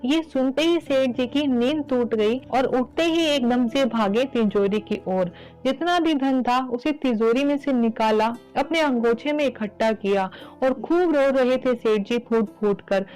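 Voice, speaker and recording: A woman's voice: high voice, unhurried, darkish tone, faint music behind, low-quality recording. A woman narrating a devotional story as a channel host, addressing listeners earnestly.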